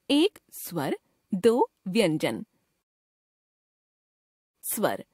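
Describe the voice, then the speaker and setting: A woman teacher reading a grammar lesson aloud in a measured, dictating way, listing examples one at a time. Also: medium pitch, darkish tone, no room sound, clean studio sound.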